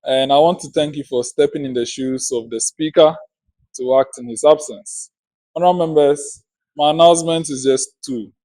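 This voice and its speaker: A man's voice: medium pitch, warm tone, dry recording, rough recording. A man making a formal, polite and orderly announcement to parliament as one of its members. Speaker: interim MP and outgoing parliament speaker.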